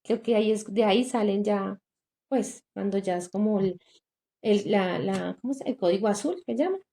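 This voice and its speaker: At a moderate pace, a young Colombian woman's warm, creaky, medium-pitched voice carries an earnest podcast testimony about painful experiences. She acts out the voices of people she encountered, recounting through quoted dialogue and plenty of fillers.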